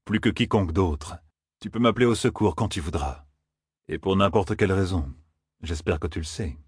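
A man voicing a charming, graceful young nobleman who speaks in a soft, ingratiating way. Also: low voice, expressive, moderate pace, breathy edge, dry recording, studio quality. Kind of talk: audiobook character voice.

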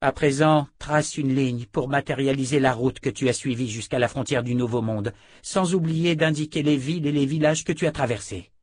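A man reading an audiobook, voicing a commanding woman inquisitor who is stern with enemies and gentle with a child. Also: mid-range voice, normal speed, few pauses, no echo, voice pushed up, close to an everyday voice. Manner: commanding, firm.

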